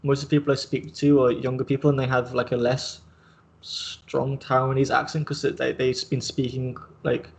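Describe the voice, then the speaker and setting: Young man, casual host, mid-pitched voice, rambling chat. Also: normal speed. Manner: relaxed, rambling, heavy use of 'like'.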